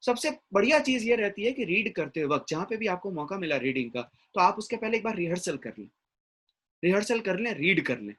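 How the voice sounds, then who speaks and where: Fairly quick and fairly bright, his high voice swings widely in pitch and has a breathy edge. He's lecturing a class as an English teacher, slipping English words into his explanations and checking in often with "ठीक है ना?"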